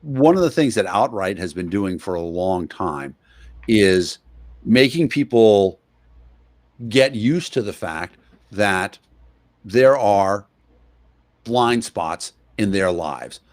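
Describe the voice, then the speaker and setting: A man hosting an interview over a video call, conversational, pausing often with hesitations. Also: fairly low pitch, animated, no echo. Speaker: guest host.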